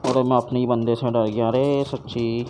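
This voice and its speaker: A man chatting casually with a teammate during an online game, firing off quick repeated urgent callouts. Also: medium pitch, flat delivery, noisy background. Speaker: gamer calling out plays. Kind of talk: casual team chat while gaming.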